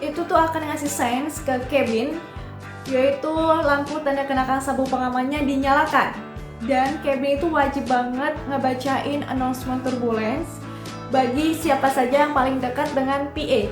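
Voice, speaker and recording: A woman's voice: high voice, steady tone, moderate pace. A woman giving a casual, instructive explainer, informally addressing viewers directly. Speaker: vlogger explaining cabin crew procedures. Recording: roomy echo, music behind.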